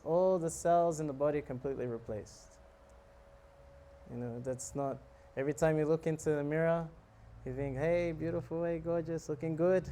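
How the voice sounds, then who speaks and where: A monk from South Africa gives a casual sermon on scripture to a live audience in a mellow, slightly high voice. He keeps it conversational, cracking jokes and asking the listeners questions.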